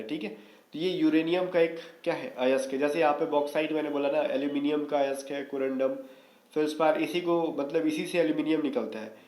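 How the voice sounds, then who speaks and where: A man's voice: fairly high pitch, roomy sound. A man teaching an exam-prep lesson in a casual coaching manner, often checking in with his students. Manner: casual coaching, frequent "theek hai" check-ins.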